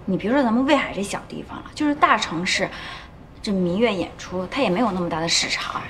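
A woman's voice: mid-range voice, animated, fast, fairly bright tone, slight background noise, close to an everyday voice. A woman acting in a TV drama, speaking in a worried, questioning way. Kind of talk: TV drama dialogue.

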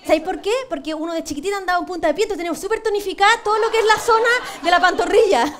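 Rapid-fire and extremely high-pitched, with a slightly bright tone, a Chilean woman runs through a comic monologue on a TV panel show. Her punchlines are crude, cheeky and self-mocking. The studio audience can be heard laughing in the TV studio recording.

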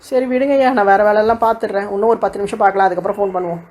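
A woman's voice: mid-range voice, very fast, noisy background, close to an everyday voice. A woman voicing a patient, polite young housewife in a cartoon, speaking soothingly. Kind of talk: cartoon voice acting.

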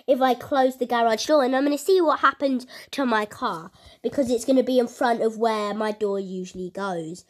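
A woman's voice: fairly high pitch, moderate pace. A young woman giving casual commentary on her gameplay, chatty, with many fillers and a constant "guys". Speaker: gaming YouTuber.

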